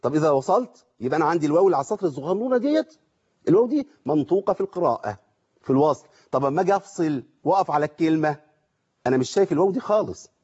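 A man's voice: on the high side, lively intonation, racing, darkish tone, slightly rough. A man with an Egyptian accent teaching Quran recitation rules. He keeps asking questions and answering them himself. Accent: Egyptian Arabic. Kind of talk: tajweed lesson with recited examples. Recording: dull lo-fi sound.

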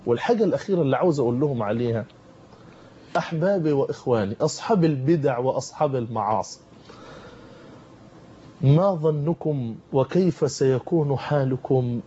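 A man's voice: medium pitch, lively intonation, fairly quick, long pauses, mellow, lo-fi sound, slight background noise. A man preaching a televised sermon in an Egyptian accent, delivering fervent, urgent warnings to his listeners in a studio. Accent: Egyptian Arabic.

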